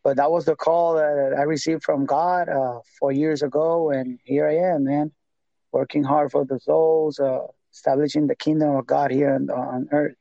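A Puerto Rican evangelist minister in his thirties speaks English with a Puerto Rican Spanish accent during a casual interview, halting and repeating words as he searches for them. His voice is a little high, creaky, and mellow with little pitch movement, on a dull lo-fi recording with no room sound.

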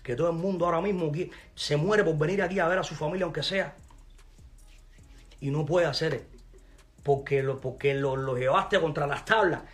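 A man's voice: a little high, normal speed. A man with a Cuban accent, a musician, delivering a combative, mocking rant to the camera in crude street slang. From Cuba.

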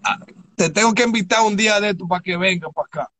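A man from the New area, interviewing in a casual chat and mixing Spanish with English slang in an animated way. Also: sits high, fast talker, a little hiss or hum. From New York area. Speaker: interviewer, rapper.

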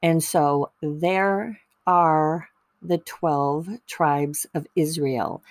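A woman with a low-pitched, fairly even voice speaks extremely slowly, with no echo, in a casual and chatty devotional talk. She shares Bible stories about mothers, digressing and correcting herself as she retells them.

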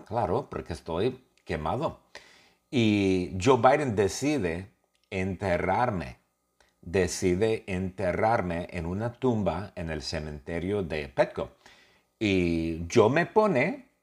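A man voicing a dead little hamster back as a zombie, telling its own burial story, with a low voice that swings widely in pitch and keeps stopping to repeat and fix words, comic and unpolished. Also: a little mellow, full character voice. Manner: halting, repeats and corrects words often. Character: dead male pet hamster turned zombie. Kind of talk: improvised comic story in a second language.

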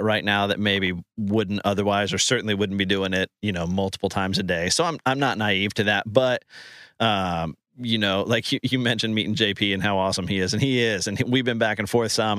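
A man's voice: fairly low pitch, a bit bright, no room sound, clean studio sound. A man hosting a podcast, recorded inside a closet, chatting casually and repeating words as he thinks. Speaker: podcast host.

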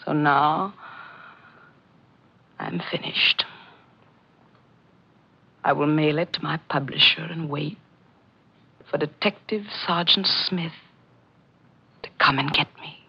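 A woman's voice: low voice, fairly even intonation, takes it slowly, creaky, pauses often, pushed and bright, slightly rough, full character voice. An actress voicing a guilt-ridden woman novelist confessing her murders in a tense, breathless 1940s radio drama, with whispered asides, on a lo-fi old broadcast. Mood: resigned.

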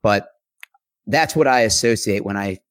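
A man with a lowish voice breaks down baseball numbers in a fast, analytical, earnest manner. He speaks in a casual podcast chat, recorded dry. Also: no echo. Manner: analytical, stat-heavy, earnest.

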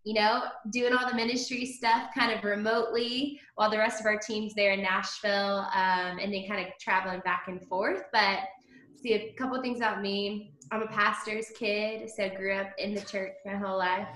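A young woman with a bright, forward voice in a roomy, echoing space. She is an enthusiastic, chatty guest in a casual podcast conversation. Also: medium pitch, little pitch movement, moderate pace. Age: young adult. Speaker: podcast guest, ministry leader. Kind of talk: casual chat. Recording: roomy echo on voice.

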